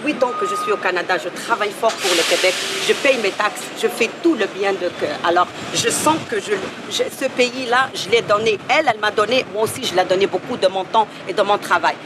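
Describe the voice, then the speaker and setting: A woman answering a street interview earnestly, with many pauses and fillers. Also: mid-range voice. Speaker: passer-by interviewee. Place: outdoors on a city street. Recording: noisy outdoor street recording. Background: traffic noise.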